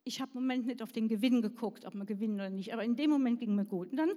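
A woman's voice: a little high, rapid-fire, mellow. Chatty woman preacher in an echoing hall. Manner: chatty, self-deprecating, asks "ja?" to the audience. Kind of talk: sermon with personal story.

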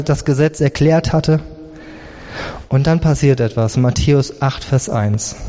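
A man preaching a sermon, emphatic, with his pitch swinging from high to low. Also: darkish tone. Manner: emphatic, rises and drops sharply in pitch. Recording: reverberant hall, dull sound.

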